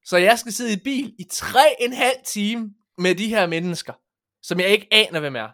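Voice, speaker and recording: A man with a high-pitched voice chats as a podcast host. He rambles through anecdotes in an informal way and swears freely. The delivery is casual and conversational. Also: bright, forceful tone. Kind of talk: casual chat, anecdotal storytelling.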